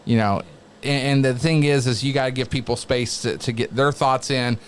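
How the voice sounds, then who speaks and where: Halting, reflective man in a casual interview. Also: medium pitch, steady tone, slight background noise. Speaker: wrestling play-by-play announcer, interview guest.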